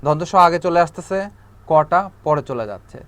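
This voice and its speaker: A man with a Bangladeshi Bengali accent teaches an exam-prep grammar lesson in a somewhat high voice. He repeats each example and checks in with the class after every point. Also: moderate pace, a bit bright, no room sound. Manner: drills examples, asks "ঠিক আছে?" after each point. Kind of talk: recorded grammar lecture.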